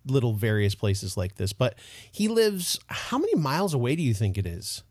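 A man's voice: medium pitch, wildly swooping pitch, moderate pace, a little mellow, slightly rough, no room sound, studio quality. A man from the co-hosting a casual chat show, playful and chatty, often laughing. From American Midwest. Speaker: podcast co-host.

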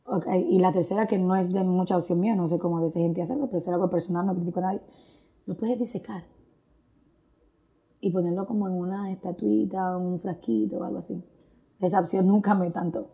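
A woman tells her faith testimony in a reflective, earnest tone, switching between Spanish and English phrases with many fillers. She talks fairly quickly in a fairly low, dark voice with vocal fry.

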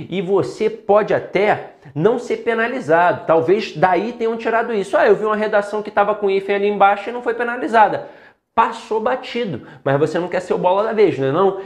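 A Brazilian man teaching essay rules at a whiteboard, emphatic and blunt, mocking common mistakes with quick asides. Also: a little high. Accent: Brazilian Portuguese. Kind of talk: whiteboard lesson on essay writing. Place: classroom with whiteboard.

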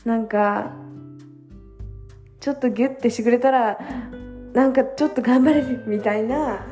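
Tired girl rambling to camera, a bit high-pitched, roomy echo. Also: normal speed. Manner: chatty, self-mocking, acts out quotes in a higher voice. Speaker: vlogger. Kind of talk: casual solo chat. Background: soft guitar music.

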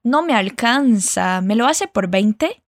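A woman leads a language lesson, speaking slowly and carefully as she models each phrase. Her voice sits a little high. The sound is dry and close. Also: expressive, dry recording. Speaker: Spanish teacher.

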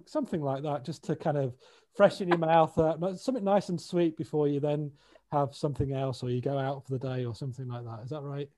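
A man's voice: fairly high pitch, warm tone. A man with a British accent chatting casually, dry and matter-of-fact, often trailing off mid-sentence. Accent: British English. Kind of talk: casual chat.

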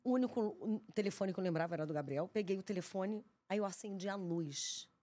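A woman, a podcast guest telling a story in an animated, emphatic way, often repeating herself. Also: mid-range voice, brisk. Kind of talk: casual chat, storytelling.

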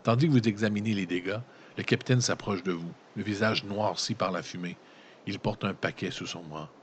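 A man's voice: fairly low pitch, brisk, a little hiss or hum. A man with a Quebec French accent reading a gamebook aloud and breaking off into casual, slangy joking asides. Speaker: gamebook reader and player.

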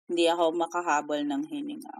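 A woman's voice: low-pitched, flat delivery, brisk, creaky, crowd noise. A young woman from Leyte hosting a podcast, chatting casually and switching between Tagalog and English with lots of fillers. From Leyte, Philippines. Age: young adult. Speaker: podcast host. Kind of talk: casual chat.

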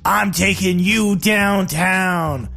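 A man voicing a pushy, dramatic male police officer whose voice lurches from a low growl to high shouts. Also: drawn-out words, vocal fry, soft background music, full character voice. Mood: stern.

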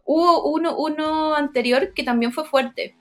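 A young Chilean woman with a high-pitched voice chats casually, laughing often through slang-filled banter. Faint music sits in the background. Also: measured pace, fairly bright tone. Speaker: podcast co-host. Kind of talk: casual chat.

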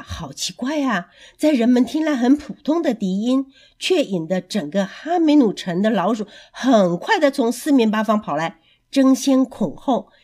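Animated woman telling a children's story. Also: a little high. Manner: expressive, animated.

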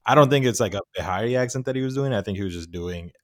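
A man co-hosting a casual movie podcast, jokey and playful, quick to laugh at his own gags. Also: on the low side, no echo, clean studio sound. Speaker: podcast co-host.

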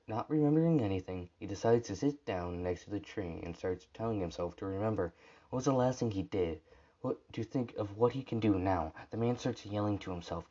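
A man reading a dark story aloud at a plain, unhurried pace, with small slips and restarts. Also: fairly low pitch, lo-fi sound.

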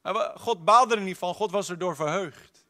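A high, bright-toned man delivers a church sermon with passion. He climbs to strong, ringing emphasis and then drops to near-hushed intimacy, pressing each point home as the congregation's pastor. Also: moderate pace. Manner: impassioned, swinging from loud to hushed. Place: church service.

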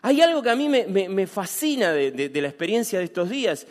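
A man with a Rioplatense Spanish accent preaching a sermon as a pastor, animated and repeating phrases for emphasis. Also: sits high, brisk, big-room sound. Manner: animated, acts out quoted dialogue, repeats phrases.

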